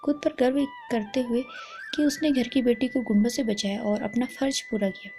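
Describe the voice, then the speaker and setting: A woman storyteller narrating a scripted story in a smooth, even way. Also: a little high, moderate pace. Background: faint music.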